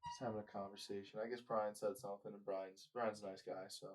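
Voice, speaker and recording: A man's voice: fairly low pitch, level tone, quick pace, poor audio. A man in his twenties co-hosting a podcast in casual chat, rambling, full of "like" and swearing. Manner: rambling, profane, lots of "like". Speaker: podcast co-host.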